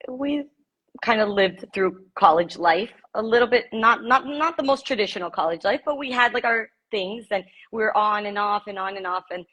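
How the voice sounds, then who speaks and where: A woman's voice: medium pitch, normal speed, fairly bright tone, rough recording. A woman in her forties from Miami, talking openly and emotionally as a podcast guest, with frequent laughs. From Miami, United States. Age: 40s. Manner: emotional, chatty, laughs often. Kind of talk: casual chat. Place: living in Ecuador.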